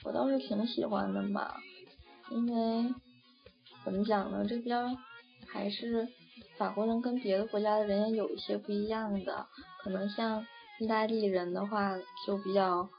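A young woman from China talks in a loose, rambling way, full of fillers and restarts. Her voice has a gravelly fry to it. The audio is dull and lo-fi, with faint music underneath. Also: mid-range voice, level tone, normal speed. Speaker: interviewee. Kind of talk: casual chat.

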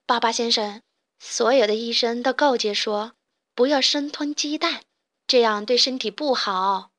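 A woman's voice: a little high, measured pace, fairly bright tone. A woman voicing a brave, level-headed mother hen who gives firm, reassuring orders, in a children's storybook reading. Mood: grave.

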